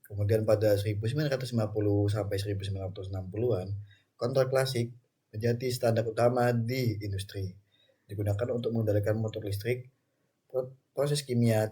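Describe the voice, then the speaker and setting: Young man presenting class slides, dark voice. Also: fairly low pitch, slightly rough. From Indonesia. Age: young adult. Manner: reads in short phrases, with restarts and "oke, next". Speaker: student presenter.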